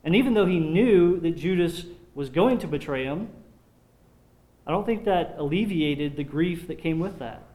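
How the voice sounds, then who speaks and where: A man preaching a sermon in an earnest, measured way, sometimes repeating words as he restarts a phrase. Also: on the high side, expressive, darkish tone. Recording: echoey room.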